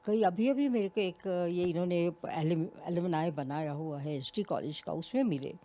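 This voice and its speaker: A woman's voice: lowish voice, moderate pace. An older woman, a retired college principal, speaks reflectively as an interview guest and explains her points with small examples. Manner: reflective, explains with examples, occasional soft laughs. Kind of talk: interview conversation.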